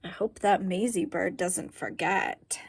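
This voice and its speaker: A woman's voice: lowish voice, steady tone, measured pace, creaky, husky, dry recording, clean studio sound, voice pushed down, heavily acted. A woman doing a glum faithful elephant. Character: patient faithful male elephant.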